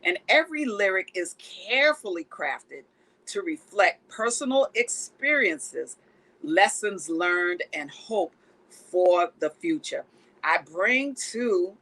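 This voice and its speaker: A woman's voice: on the low side, fairly bright tone, rough recording. A woman hosting a faith-based TV talk show, introducing and interviewing a guest with effusive praise.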